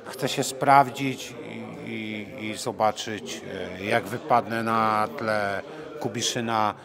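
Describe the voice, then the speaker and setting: A fighter gives a conversational interview in a blunt, challenging manner, speaking into a handheld reporter microphone. His voice is lowish and steady, his pace slow, and crowd chatter fills the background.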